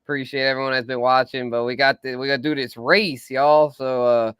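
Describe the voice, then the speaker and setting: A man's voice: medium pitch, flat delivery, fairly quick, a bit bright, clear, resonant tone, dry recording, studio quality. A man hosting a live fantasy football stream, talking casually in slang and laughing often. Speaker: podcast host.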